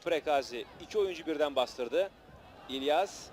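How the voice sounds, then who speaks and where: A man's voice: on the high side, lively intonation, measured pace, some chatter behind. Male football commentator, noisy old broadcast. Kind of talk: live television football commentary, short clipped play-by-play. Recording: noisy old match broadcast, outdoor stadium.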